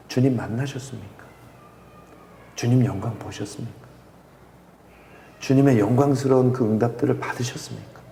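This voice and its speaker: Male pastor, fervent sermon with hushed drops, very animated pitch, long reverb of a church hall. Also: vocal fry, a little hiss or hum. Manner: swings from loud impassioned preaching to hushed near-whispers. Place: church sanctuary.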